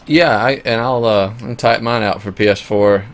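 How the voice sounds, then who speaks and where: A man's voice: lowish voice, moderate pace, crowd noise. A man co-hosting a live game stream, talking through his match and poking fun at his own play. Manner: self-deprecating, talks while playing. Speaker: co-host playing a video game match. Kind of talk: casual live-stream chat.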